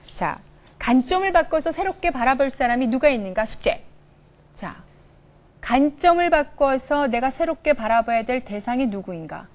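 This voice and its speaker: Animated woman giving a coaching lecture. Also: high voice, normal speed. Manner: animated, acts out little dialogues in changing voices. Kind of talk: televised lecture. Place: studio with a live audience.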